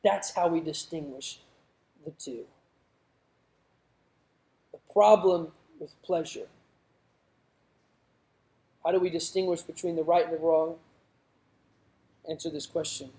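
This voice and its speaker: Mellow-voiced youth preacher. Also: mid-range voice, slow, pauses often. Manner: conversational preaching, rising to emphatic. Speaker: youth pastor. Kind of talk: sermon. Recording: roomy echoing hall.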